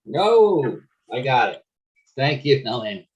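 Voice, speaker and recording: A man from Florida joins a group video call and gives a quick, upbeat introduction. His pitch sits in the middle range for a man. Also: very animated, darkish tone, muffled recording. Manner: brief, upbeat self-introduction. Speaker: meetup participant.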